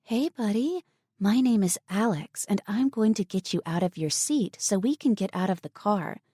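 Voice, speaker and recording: A woman reading an audiobook voices a kind teenage girl who talks in a soft, sweet, coaxing tone. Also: medium pitch, lively intonation, normal speed, no room sound, studio quality, pitched above the performer's own voice, close to an everyday voice. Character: kind teenage girl soothing a scared toddler.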